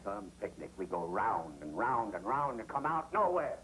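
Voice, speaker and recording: An American actor playing a gruff, exasperated older police inspector, blustery and sardonic, in a 1950s television crime drama. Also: male voice, fairly low pitch, sing-song, normal speed, fairly bright tone. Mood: weary, exasperated. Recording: noisy vintage 1950s TV soundtrack.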